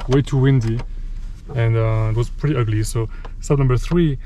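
A man in his thirties making a casual how-to vlog about night sky photography, talking in a relaxed way with many fillers, outdoors in a windy desert at night. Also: mid-range voice, normal speed, rough recording. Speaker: astrophotographer vlogger. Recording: loud wind noise outdoors.

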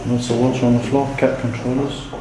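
A man leads a chatty walking tour, easily impressed and sprinkling in Arabic phrases. His voice sits at an ordinary middle pitch. A steady hum of air conditioning runs clearly behind him. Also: fairly quick, roomy sound. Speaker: vlogger giving a tour. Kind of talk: casual walking tour narration. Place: outdoor pool area and indoor pump room of a housing compound.

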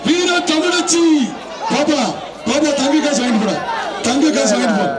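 A man with a Tamil Nadu accent giving excited live bull-taming commentary over a loudspeaker, with urgent, repetitive chanting calls and commands. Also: very high-pitched, moderate pace. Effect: amplified through a public-address loudspeaker. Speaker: jallikattu bull-taming event announcer. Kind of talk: excited live arena commentary, calling out bulls and prizes. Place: outdoor bull-taming arena. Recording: echoey outdoor loudspeaker, distant, crowd noise. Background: crowd.

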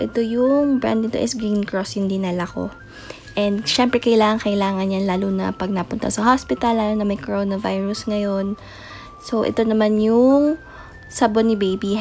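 A young woman chatting through a voice-over and mixing in English words as she shows baby items. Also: mid-range voice. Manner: chatty, mixes in English words, soft late-night voice. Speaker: mom vlogger. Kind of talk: casual voice-over show-and-tell. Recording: voice-over with faint music behind.

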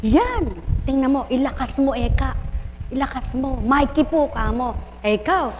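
A woman acting as a spiritual medium preaches to a live congregation, teasing and urging listeners on, naming individuals, and bursting into laughter and loud exclamations. Her voice sits high and animated at a measured pace, with a long reverb tail and a faint hiss or hum.

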